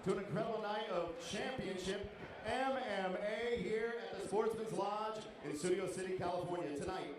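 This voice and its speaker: A man working as a ring announcer at a live fight night, with a formal, showy, drawn-out delivery. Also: sits high. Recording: roomy echoing hall, distant, noisy.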